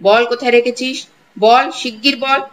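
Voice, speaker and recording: Woman doing a shrill bullying old village woman. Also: animated, normal speed, a bit bright, a little hiss or hum, low-quality recording. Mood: furious. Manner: shrill, scolding and threatening. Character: harsh, bullying older village woman accusing a girl.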